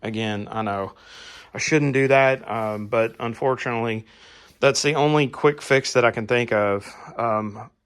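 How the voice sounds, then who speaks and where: A man giving a casual hands-on vlog narration inside a barn workshop, plain-spoken and thinking out loud. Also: medium pitch, unhurried, clean tone. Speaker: host of a DIY garage channel.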